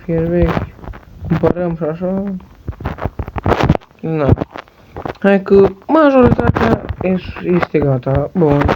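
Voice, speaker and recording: A man with a fairly high voice rambles through casual gameplay commentary, tossing jokey asides to his viewers. The home recording is noisy, with mouse and keyboard clicks behind him. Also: lo-fi sound. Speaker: gaming channel host. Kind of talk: casual Minecraft let's-play commentary.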